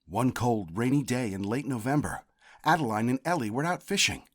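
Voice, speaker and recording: This is scripted read-aloud narration of a children's picture book by a man. His pitch wanders freely while his delivery stays measured and full of expression.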